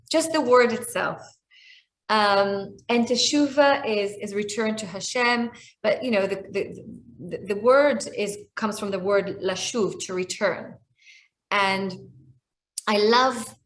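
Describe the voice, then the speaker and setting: A reflective Hebrew-speaking woman from Israel, in her forties, talks as a guest speaker during a video call. She has a mid-range voice and her speech is full of restarts and fillers.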